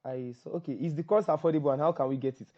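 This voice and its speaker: Fast-talking man teaching on a video call. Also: a little high, lo-fi sound. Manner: fast, repeats phrases. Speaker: guest copywriting teacher. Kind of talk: online class Q&A.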